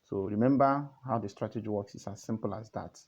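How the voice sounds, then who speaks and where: Earnest male tutor, repetitive and coaxing, warm dark tone on a dull lo-fi recording. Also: lowish voice, fairly quick, husky. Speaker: trading tutor. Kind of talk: casual screen tutorial.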